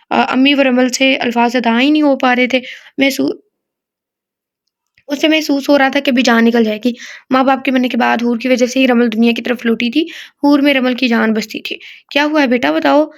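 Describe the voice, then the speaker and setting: A woman's voice: sits high, steady tone, normal speed. A woman narrating an audio novel, breaking in with laughing side remarks. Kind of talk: audio novel reading with comic asides.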